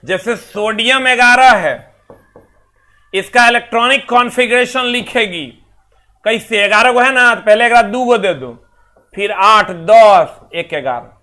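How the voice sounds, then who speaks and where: A man teaching an online exam-prep class in a high, bright voice. He talks straight to his students, scolding them one moment and coaxing them the next. He counts numbers out in a sing-song drill. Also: measured pace.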